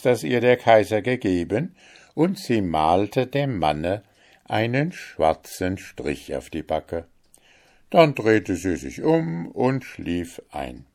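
A man reading a fairy tale aloud in a measured storytelling manner. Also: fairly low pitch, a little mellow.

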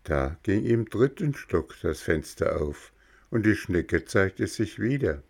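A man reading a children's storybook aloud in a calm, measured way. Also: low voice, gravelly, husky. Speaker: narrator.

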